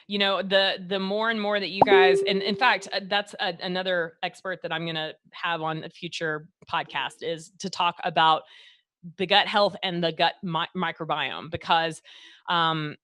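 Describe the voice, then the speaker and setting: A woman's voice: on the low side, fairly even intonation, moderate pace, a bit bright, no echo. A woman with a Texas accent hosting a health podcast, chatty and loose, full of fillers and restarts. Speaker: podcast host, doctor. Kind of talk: casual podcast chat.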